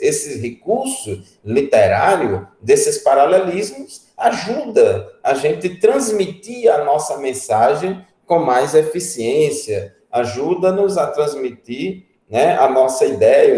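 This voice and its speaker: A man's voice: medium pitch, warm tone. A Brazilian man with a northeastern accent teaching a theology class, explaining patiently and often checking with his students. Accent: Brazilian Portuguese, northeastern. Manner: explanatory, frequent "né?" checks, addresses students as brothers. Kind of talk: classroom lecture. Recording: echoey room.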